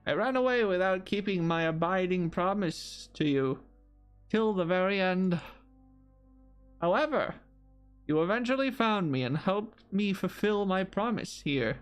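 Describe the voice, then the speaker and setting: A weary older man speaks with tender, solemn slowness, as a streamer reads his lines aloud. The voice sits fairly high for a man, and he lets each line settle before moving on. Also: lively intonation, clear, resonant tone, faint music behind. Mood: wistful. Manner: slow, solemn reading of game dialogue.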